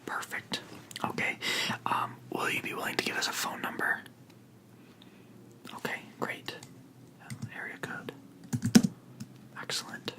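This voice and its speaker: A person in a whispered role-play as a librarian, speaking in a soft, breathy library whisper with polite, reassuring customer-service phrasing. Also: a little slow, pauses often. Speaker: book club librarian helping a customer, role-played.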